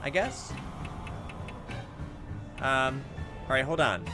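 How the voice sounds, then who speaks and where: With game music in the background, a man talks himself through a game, casually commenting and reading the on-screen text aloud as a gaming video host. He speaks slowly in a medium-pitched voice with big pitch swings.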